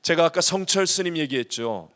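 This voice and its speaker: A middle-aged man preaching a sermon as senior pastor, lively and acting out prayers, with swings between loud and hushed. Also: a little high, brisk. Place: large church sanctuary. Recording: long hall reverb.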